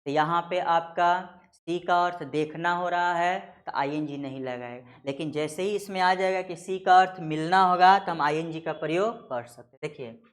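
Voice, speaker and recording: A man giving a grammar lesson, explaining slowly, repeating key words and reading out example sentences word by word. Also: fairly high pitch. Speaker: grammar teacher. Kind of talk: classroom lecture.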